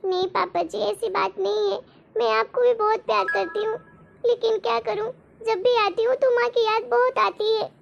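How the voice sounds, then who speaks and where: A grieving married daughter, played by a woman in a cartoon moral story, tender and sorrowful as she longs for her late mother. Her voice is pitched very high with a gravelly fry. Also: fairly even intonation, normal speed, lo-fi sound, noisy background, full character voice. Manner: wistful, sorrowful monologue.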